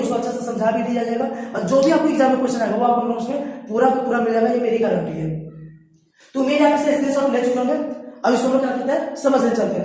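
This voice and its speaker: A woman's voice: a little high, dark tone. A woman, teaching a science class at a board, who keeps asking questions and answering them herself. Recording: echoey room from far off.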